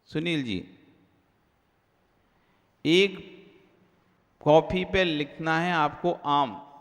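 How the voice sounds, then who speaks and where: A high, bright male voice delivers a sermon at an unhurried pace, chanting scripture lines and then questioning the audience. He drops into a lower voice to mimic everyday remarks. The sound carries a long hall reverb. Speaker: Jain monk preacher.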